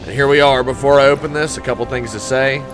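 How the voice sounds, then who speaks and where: A man's voice: mid-range voice, fairly even intonation, fast. A man giving casual, geeky, enthusiastic commentary while playing through a video game. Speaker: gamer commentator. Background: loud game music and vehicle sounds.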